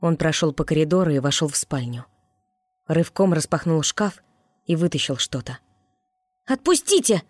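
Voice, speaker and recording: An audiobook narrator reading fantasy prose in a measured, descriptive way at a middle pitch. The voice sits close to the microphone in a completely dry space. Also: dry recording.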